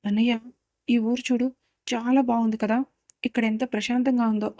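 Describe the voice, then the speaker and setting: A woman's voice: fairly high pitch, flat delivery, moderate pace, warm tone, no echo, clean studio sound, close to an everyday voice. Woman voicing a cheerful young man. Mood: delighted. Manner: enthusiastic, chatty.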